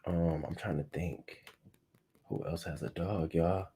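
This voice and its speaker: Livestream host, man, thirties, low husky voice, loose profane chatter with loud outbursts. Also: slow. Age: 30s. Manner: loose, profane and animated, often bursting louder. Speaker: host of a livestream morning show. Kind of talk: casual livestream chat.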